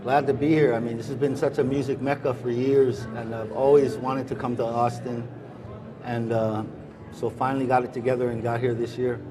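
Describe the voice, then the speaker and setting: A middle-aged Hawaiian musician, appearing as a guest, answers interview questions in a relaxed, rambling way full of pauses and restarts. His voice is mid-range, the audio quality is poor, and busy crowd noise fills the background.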